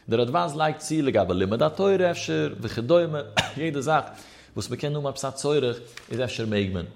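A man's voice: mid-range voice, expressive, a little fast, vocal fry. A man teaching a religious law lesson, citing sources in a rising and falling cadence. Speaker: Torah teacher.

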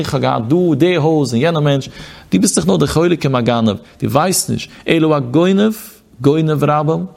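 A man with a fairly high voice and vocal fry lectures on Torah as a rabbi. His talk has a Yiddish inflection, a chanting sing-song study cadence, and quoted Hebrew passages.

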